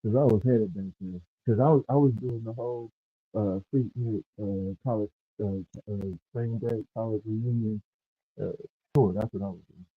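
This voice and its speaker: A man's voice: on the low side, steady tone, moderate pace, slightly rough, dry recording. A man telling stories in a casual chat with laid-back street slang, his voice muffled as if heard through a wall and set back from the microphone. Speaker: speaker in an online audio chat room. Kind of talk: casual storytelling.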